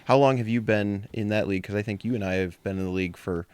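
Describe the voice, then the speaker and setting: A man's voice: lowish voice, steady tone, fast talker, a little mellow, smooth, no echo. A young man hosting a podcast interview, asking loose, friendly questions with fillers. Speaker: podcast host. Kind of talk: casual interview.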